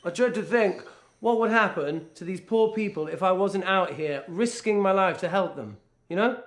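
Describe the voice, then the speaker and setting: An actor playing a smug, falsely modest aid worker who humblebrags pompously in a comedy game. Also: male voice, high voice, moderate pace, lightly acted. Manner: pompous, humblebragging, hesitant when bluffing. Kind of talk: acted comedy game dialogue. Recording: faint background noise on video call.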